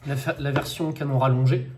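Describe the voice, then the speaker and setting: A man's voice: medium pitch, steady tone, a little fast, background noise. A man casually explaining how to put together a printed model, hesitant and full of fillers, new to commenting. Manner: hesitant, many fillers and restarts, first time commenting. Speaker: 3D-printing maker demonstrating an assembly.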